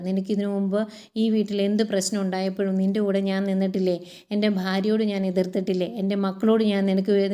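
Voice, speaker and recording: Woman retelling a serial episode in an even tone. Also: medium pitch, smooth. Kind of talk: casual spoken story recap.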